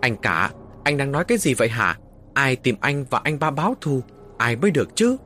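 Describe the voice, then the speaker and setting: A man's voice: a little high, very animated, normal speed, faint music behind, pitched above the performer's own voice. A man voicing an angry younger brother who demands answers urgently. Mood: worried.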